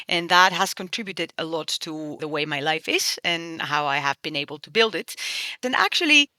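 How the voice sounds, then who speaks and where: A middle-aged Spanish woman who serves in the European Parliament answers interview questions earnestly, explaining her views. Her lowish voice is bright and forceful, with no echo.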